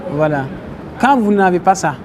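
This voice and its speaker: Expressive and high-voiced, this man talks at normal speed over some background noise. He's an Islamic teacher in a mosque who explains Arabic terms and quizzes the listeners in his religious class, with faint traffic outside.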